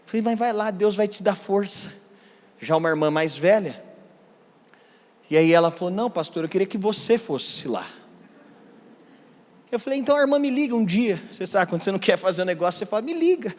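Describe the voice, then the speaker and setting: A man with a Brazilian Portuguese accent preaching as pastor, telling a story in a sermon and swinging from hushed asides to loud, climbing declarations. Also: on the high side. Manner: animated, swings from hushed to shouting. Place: church hall. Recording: long hall reverb.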